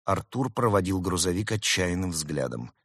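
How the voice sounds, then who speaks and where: A man's voice: low voice, expressive, moderate pace, a bit bright, dry recording, clean studio sound. A man reading a children's storybook aloud, narrating expressively and voicing the characters.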